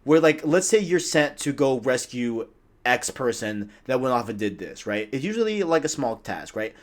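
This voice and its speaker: A man's voice: medium pitch, very animated, normal speed. A man co-hosting a casual gaming podcast, talking animatedly in long runs full of "like" and "right?". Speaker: podcast co-host.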